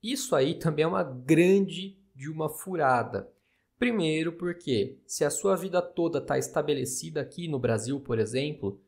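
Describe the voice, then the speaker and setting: A man's voice: a little high, a little mellow. A man with a Brazilian Portuguese accent, an astrologer hosting a podcast, explaining in a chatty, skeptical way with frequent tag questions. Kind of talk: casual explanatory monologue.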